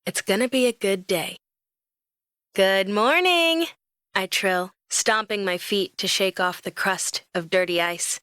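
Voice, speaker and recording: Brief: young woman, romance audiobook narrator, lively and expressive, close dry read. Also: medium pitch, moderate pace, few pauses, no echo.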